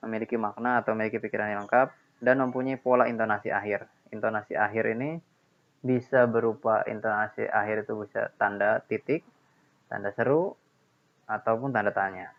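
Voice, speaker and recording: Captured in dull, lo-fi audio, a man with a fairly low, fairly even voice talks a little fast. He patiently explains a grammar lesson, repeating the main points and checking in with "ya" and "nah".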